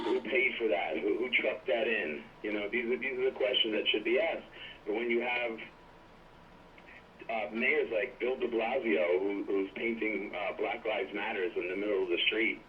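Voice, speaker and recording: A man's voice: fairly low pitch, a little hiss or hum. A man calling in to a talk show on a speakerphone, earnestly arguing his point with hesitant restarts. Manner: earnest, hesitant political argument. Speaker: caller. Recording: tinny distant speakerphone line.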